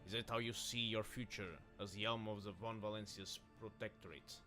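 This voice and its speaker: A man's voice: fairly low pitch, steady tone, moderate pace, sharp tone, faint music behind. A man voicing a stern, proud older male seneschal and former navy officer, who speaks in a formal, reproachful way.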